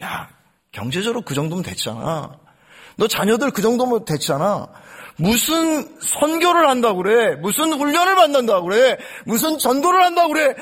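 A man's voice: extremely high pitch, big pitch swings, moderate pace, fairly bright tone, heavily acted. A man voicing a scornful male Satan who taunts and belittles the listener, quoted in a sermon. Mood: taunting.

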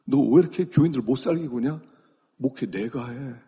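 A pastor putting on the voice of God as a stern father, gravelly and raspy, speaking low in a hushed tone that scolds without shouting. The words ring out with a long hall reverb. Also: normal speed. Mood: rebuking.

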